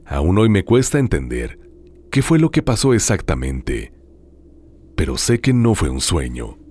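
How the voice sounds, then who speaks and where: Reading listeners' horror stories from a script, this male host speaks in a very deep, slightly raspy voice. His delivery is expressive and dramatic, hushed, and full of long, drawn-out pauses.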